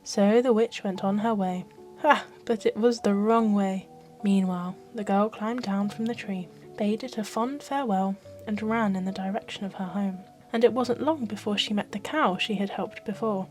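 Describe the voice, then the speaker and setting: A woman reads a fairy tale as ASMR. Her delivery is soft and expressive, made for bedtime, over gentle background music. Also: mid-range voice, moderate pace. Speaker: storyteller.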